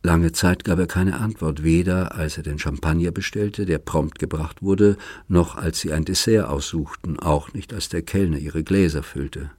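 A man narrating a novel in a calm, even manner. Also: low-pitched, moderate pace, hardly any pauses, slightly rough, dry recording. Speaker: audiobook narrator. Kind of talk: scripted narration.

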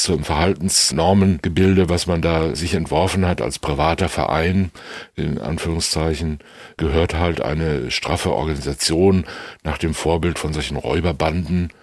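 A man's voice: rumbling low, no room sound, studio quality. An older man, a retired judge, explaining a legal case in long, carefully qualified sentences in a podcast conversation. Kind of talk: measured legal analysis in conversation.

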